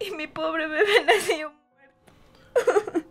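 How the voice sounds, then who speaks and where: Woman as tearful guilt-ridden young wife, very high bright voice, slow pleading delivery. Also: distant mic, soft background music, full character voice. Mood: tearful confession. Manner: sobbing, pleading. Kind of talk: dramatized short film.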